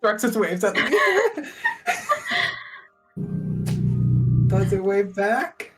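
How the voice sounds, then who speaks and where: A woman's voice: medium pitch, wildly swooping pitch, extremely slow, gravelly, faint music behind. A woman player in casual tabletop role-play chat, jokey and exclaiming, given to swearing.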